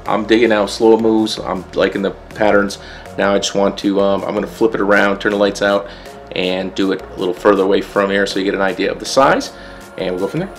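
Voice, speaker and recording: Gravelly-voiced man chatting over gear. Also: low-pitched, fairly bright tone. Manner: loose and chatty, thinking aloud while setting up gear. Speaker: DJ reviewing lighting gear. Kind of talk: casual product review vlog. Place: indoor room with DJ gear.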